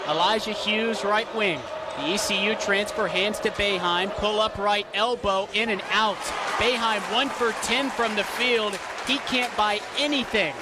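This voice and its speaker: A young adult man calls a live basketball game in clipped announcer phrasing, doing radio-style play-by-play and sports reporting as on a broadcast. His voice is high-pitched and a little slow, with few pauses. The noisy arena leaves crowd noise and a bouncing basketball behind him.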